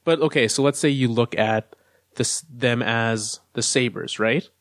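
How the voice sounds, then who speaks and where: A man's voice: mid-range voice, a little slow, a bit bright, no echo, studio quality. A man co-hosting a casual sports podcast, laying out his arguments step by step. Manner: analytical, lays out arguments step by step. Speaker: podcast co-host.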